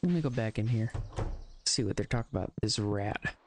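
A man's voice: fairly low pitch, expressive, fairly quick, slight background noise. A man playing a farming game and commenting casually, joking and muttering to himself, over game music. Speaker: gaming streamer.

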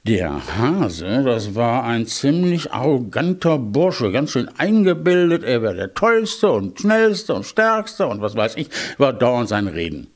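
A man's voice: mid-range voice, sing-song, takes it slowly, hardly any pauses. Chatty male storyteller for children. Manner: chatty asides to the listener. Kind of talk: children's fairy-tale storytelling.

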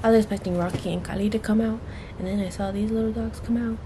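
A woman's voice: mid-range voice, steady tone, fast talker. A young woman with a standard American accent chatting casually as she vlogs. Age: young adult. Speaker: vlogger. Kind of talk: casual vlog chat. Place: car, house and outdoor trail. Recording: noisy car and outdoor ambience.

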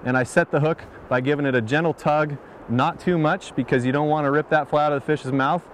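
A man narrating a fly fishing lesson in a calm, explanatory manner. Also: a little high, a little fast, slight background noise. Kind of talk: instructional voice-over narration.

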